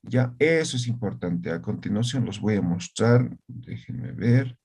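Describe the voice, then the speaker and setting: Slow, patient male language teacher. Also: lowish voice, creaky, a little mellow, slightly rough. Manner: demonstrates sounds by repeating syllables. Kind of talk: online language lesson.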